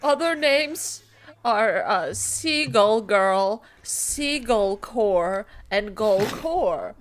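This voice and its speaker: A woman's voice: medium pitch, lively intonation, extremely slow. A woman voicing a seagull girl in a strained, choked-sounding voice for a comedy podcast. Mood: deadpan. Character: croaky seagull girl, slow and choking. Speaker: intern. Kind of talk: comedic reading in a put-on voice.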